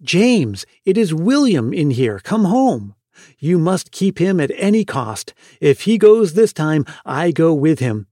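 A devoted mother, soft and pleading, her tenderness running all through her words, as a male storyteller reads her. The voice sits a bit high and sounds dry and close. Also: expressive, moderate pace, dry recording. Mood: tender. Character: loving middle-aged mother, tender and pleading.

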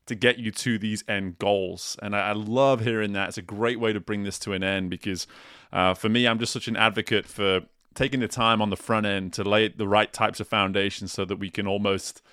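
A man's voice: lowish voice, steady tone, brisk, fairly bright tone, clear, resonant tone, dry recording. Earnest male podcast host, dry sound. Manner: earnest, upbeat, repeats words while thinking. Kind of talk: podcast wrap-up talk.

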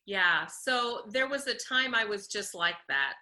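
A woman's voice: medium pitch, lively intonation, unhurried, bright, forceful tone. A woman voice coach answering interview questions, explaining technique and demonstrating sounds as she goes. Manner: instructive, demonstrates vocal sounds.

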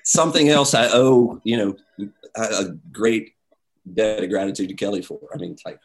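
A man telling a story in casual talk, animated, acting out quotes with many fillers. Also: lowish voice, moderate pace.

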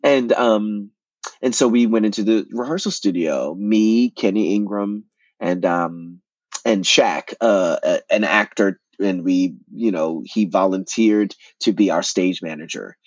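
A man, an actor and playwright, telling his story as an interview guest in an animated way, often repeating words and restarting. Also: lowish voice, measured pace, no echo, muffled recording.

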